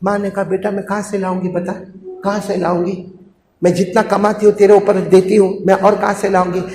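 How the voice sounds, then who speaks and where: A man's voice: high-pitched, little pitch movement, a little fast. Male preacher, emotive storytelling, big dynamic swings; echoey hall with faint noise. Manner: dramatic, swings from hushed to shouting.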